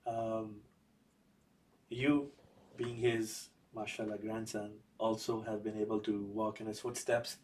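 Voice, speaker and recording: A man hosting a conversational interview, putting measured questions with pauses. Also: lowish voice, flat delivery, darkish tone, distant mic, a little hiss or hum. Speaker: podcast host.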